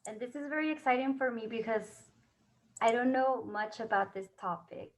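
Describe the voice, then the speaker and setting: A woman's voice: fairly high pitch, normal speed, poor audio. A woman co-hosting an online talk who asks questions eagerly and fills her speech with "like". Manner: eager, many "like" fillers. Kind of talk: video call chat.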